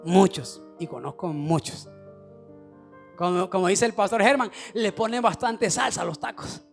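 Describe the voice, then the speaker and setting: A male pastor preaching a sermon, with shouted, sing-song climaxes and quieter, confiding asides. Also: high voice, normal speed, gravelly, faint music behind. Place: church.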